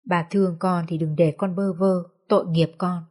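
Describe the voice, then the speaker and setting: A woman's voice: lowish voice, steady tone, moderate pace, a little mellow, close to an everyday voice. A woman voicing a sorrowful young daughter who works as a servant, speaking earnestly through tears. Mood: praying. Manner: earnest, tearful.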